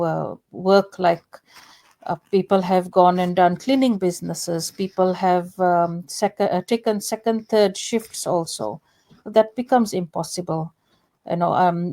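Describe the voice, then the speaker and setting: A middle-aged woman from Fiji with a Fiji Indian accent, introducing herself conversationally and pausing often as a co-host. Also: mid-range voice, mellow.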